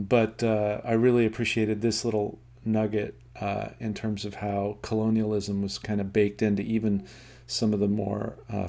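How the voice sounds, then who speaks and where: A man with a slightly low voice talks through a book he has read. He stops and restarts often, with plenty of ums, and then reads quoted passages in a steadier, measured way. The tone stays casual throughout. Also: gravelly, mellow. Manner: halting, lots of fillers and self-corrections. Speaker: book reviewer.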